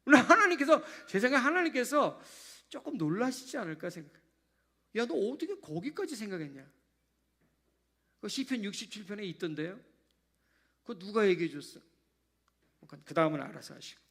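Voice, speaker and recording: A man, a pastor, preaching a sermon in a church, animated and swinging between loud emphasis and hushed asides, acting out little prayer dialogues. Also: sits high, quick pace. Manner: animated preaching, sudden drops to hushed tones. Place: church sanctuary.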